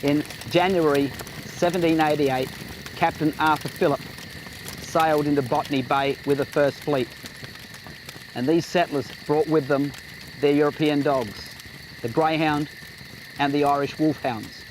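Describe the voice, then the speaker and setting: Aussie guy presenting outdoors, fairly high voice, faint bird noise around. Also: steady tone, measured pace, long pauses. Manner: easygoing, talks to his dog. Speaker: wildlife presenter. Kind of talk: presenting to camera.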